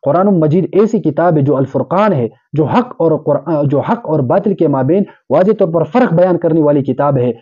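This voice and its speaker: A man's voice: on the high side, lively intonation, few pauses, dark tone, breathy edge, dull audio. A man delivering an earnest sermon, exhorting listeners and explaining with everyday examples. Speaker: Islamic preacher. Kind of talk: urdu sermon.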